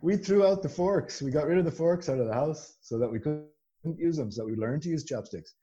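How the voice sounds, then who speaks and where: A man with a west of Ireland accent, telling stories as a chatty, animated guest in a casual conversation. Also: medium pitch, fast, highs cut off, over music. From Galway, west of Ireland. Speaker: podcast guest.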